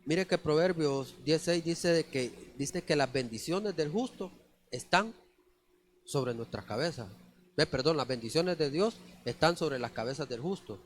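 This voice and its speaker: A man's voice: on the high side, expressive, measured pace, a little hiss or hum. A man preaching a conversational church sermon, often calling the listeners brother. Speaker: lay preacher. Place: church sanctuary.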